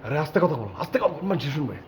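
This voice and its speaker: An actor playing a bachelor who hides a foreign guest, pleading in an urgent hush. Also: male voice, a little high, sing-song, rapid-fire, slight background noise. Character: bachelor hero hiding a foreign guest, a young man. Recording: echoey, dull-sounding room.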